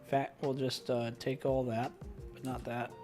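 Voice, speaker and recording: A man's voice: medium pitch, little pitch movement, moderate pace, darkish tone, faint music behind. A young adult man casually commentating his own game playthrough, chatty and self-deprecating. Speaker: gaming video host. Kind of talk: casual let's play commentary.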